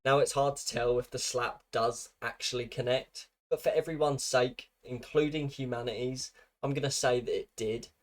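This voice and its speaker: British man, mid-pitched voice, scripted video commentary, sardonic, dryly mocking. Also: steady tone, moderate pace, a little hiss or hum.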